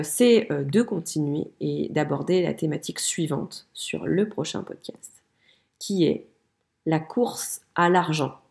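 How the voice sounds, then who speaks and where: A woman's voice: low-pitched, creaky. A young woman hosting a casual motivational podcast, chatty and talking straight to her listeners with many fillers. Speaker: podcast co-host.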